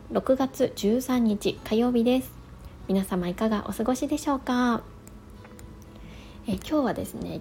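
A woman's voice: mid-range voice, darkish tone, slight background noise. A woman hosting a morning show alone, talking in a casual, polite, conversational way and explaining things. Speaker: host of a daily morning radio-style show. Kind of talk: casual solo talk.

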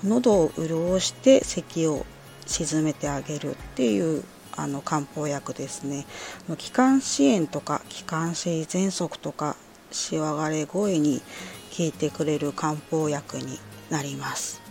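A woman's voice: low voice, expressive, takes it slowly, gravelly, a little mellow, faint music behind. A woman hosting a solo podcast, explaining health advice informally in polite, hesitant phrases. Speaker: podcast host answering listener letters.

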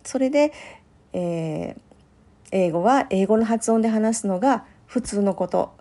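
Mellow-voiced Japanese woman podcasting. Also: mid-range voice, a little slow. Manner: gentle, chatty, many fillers. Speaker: podcast host. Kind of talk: solo podcast talk.

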